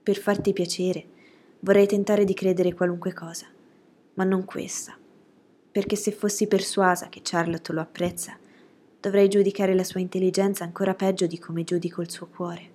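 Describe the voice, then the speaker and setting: A woman voicing a frank, sharp-witted young woman, speaking low, hushed and breathy with pointed judgements. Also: level tone, normal speed. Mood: indignant.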